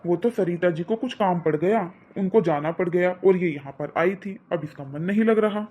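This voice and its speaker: Woman voicing a gentle cartoon father. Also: lowish voice, moderate pace, highs cut off, slight background noise, natural voice. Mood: fond. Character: kindly middle-aged father, gentle and caring. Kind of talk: cartoon voice acting.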